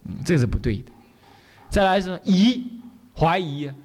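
Lively Taiwanese-accented monk preaching. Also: male voice, high-pitched, normal speed. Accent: Taiwanese Mandarin. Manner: animated, often asking the audience for agreement; acts out characters' voices while telling stories. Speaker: Buddhist abbot giving a dharma talk. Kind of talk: storytelling sermon.

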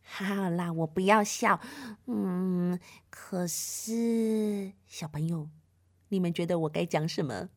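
A woman's voice: fairly high pitch, expressive, takes it slowly, a bit bright, no echo, clean studio sound, exaggerated voice. A woman voicing the youngest child of a witch, a mischievous girl who giggles and speaks sheepishly.

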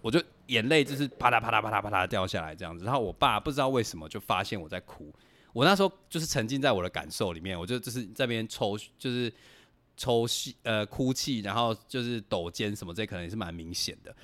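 A young man telling personal stories on a casual podcast, animated and laughing as he talks. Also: on the low side, fairly quick. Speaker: podcast host. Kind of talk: casual storytelling chat.

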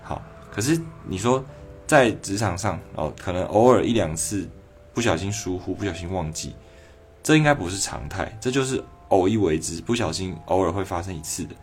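A man's voice: low voice, lively intonation, normal speed, faint music behind. A man with a Taiwanese Mandarin accent, a doctor giving a reflective, conversational advice talk on a livestream. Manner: reflective, conversational, acting out quoted people.

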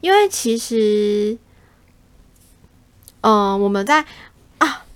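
Animated woman with a Taiwanese accent. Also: mid-range voice, extremely slow. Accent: Taiwanese Mandarin. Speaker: podcast co-host. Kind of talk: casual chat.

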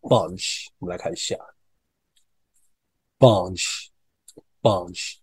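Taiwanese guy teaching english in mandarin, mellow voice, keeps repeating words, dry close mic. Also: medium pitch, normal speed, no echo. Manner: repeats words to drill pronunciation; mixes English phrases into Mandarin explanations. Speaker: English teacher podcast host. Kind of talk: casual teaching talk.

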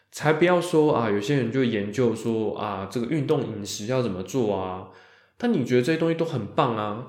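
Here a man running a podcast on his own speaks at medium pitch with a slightly mellow tone. His delivery is casual and chatty, with drawn-out particles closing his phrases, heard through a roomy echo.

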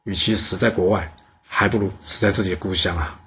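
A man's voice: low-pitched, steady tone, brisk, a bit bright, husky, heavily acted. Resigned doomed old king, as a man puts him on.

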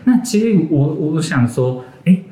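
A man's voice: fairly high pitch, expressive, unhurried, crowd noise. A young man from Japan speaking Mandarin as a second language with a Japanese accent and a slight Taiwanese influence, hesitantly searching for words as a podcast guest. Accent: Japanese accent in Mandarin, with some Taiwanese influence. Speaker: interview guest, graduate student. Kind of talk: casual podcast interview. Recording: roomy, echoey sound.

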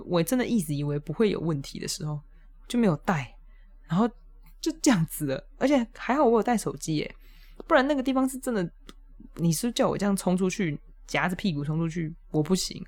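A woman hosts a podcast and tells a story in a casual, chatty way. Her voice sits fairly low, then jumps high in exasperated bursts. She laughs often as she talks. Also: darkish tone. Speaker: podcast host.

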